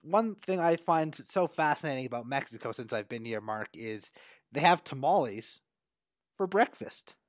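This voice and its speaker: A man hosting a sports talk show in an upbeat, energetic presenting manner. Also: mid-range voice, moderate pace, no echo. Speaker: host.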